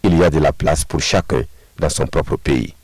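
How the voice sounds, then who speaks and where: A man's voice: rumbling low, normal speed, darkish tone, a little hiss or hum. A man reporter voicing a TV news story in a formal, scripted way.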